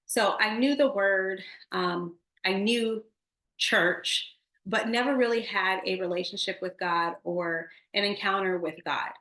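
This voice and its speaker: A woman's voice: medium pitch, a little slow, pushed and bright. A woman in her thirties giving an earnest, emotional personal faith testimony, speaking directly to her viewers. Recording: echoey room.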